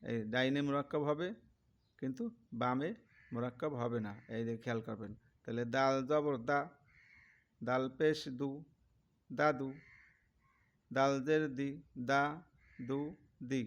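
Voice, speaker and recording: Slow, drilling male Quran teacher. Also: medium pitch, fairly even intonation, clear, resonant tone. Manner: drills syllables slowly and repeats them. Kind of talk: slow letter-by-letter recitation lesson. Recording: dull lo-fi recording.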